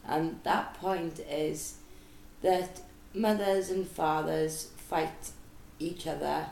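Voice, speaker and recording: Hesitant woman with a gravelly voice. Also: sits low, fairly even intonation, very slow, darkish tone, roomy sound, slight background noise, poor audio. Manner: hesitant, many ums, earnest. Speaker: vlogger. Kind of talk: unscripted video response.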